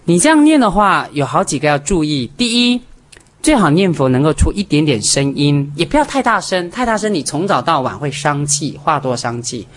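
A man's voice: a little high, big pitch swings, moderate pace. A man teaching a Buddhist gathering, talking emphatically and counting off practical points one by one. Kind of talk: Buddhist dharma talk to a gathering.

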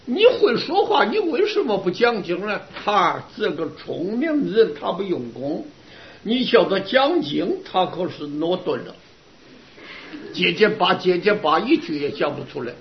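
A man delivers a Buddhist sermon to his students in a high, animated voice, his pitch leaping up and down as he tells stories. He keeps asking rhetorical questions and answering them. The sound is muffled and lo-fi. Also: a little slow, slight background noise. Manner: lively storytelling with rhetorical questions. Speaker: Buddhist Dharma teacher. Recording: dull lo-fi recording.

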